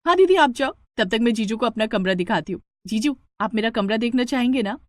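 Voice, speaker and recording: A woman's voice: a little high, animated, brisk, no room sound, clean studio sound, lightly acted. Priyanka: vain, coquettish young woman, as a narrator voices her. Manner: coquettish, petulant. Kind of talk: storybook narration.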